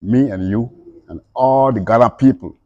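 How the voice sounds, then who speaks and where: In impassioned conversation, a middle-aged interviewee pushes his points in halting non-native English, saying them again and again. He speaks at a normal speed with a mellow, medium-pitched voice, recorded without echo and with the highs cut off.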